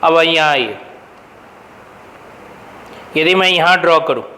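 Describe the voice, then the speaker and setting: A high-pitched man with an Indian accent teaches a math class, quizzing students and then answering his own questions. He speaks slowly in a bright, forceful tone. His voice rings through a roomy classroom with long reverb and a faint hum of ambience.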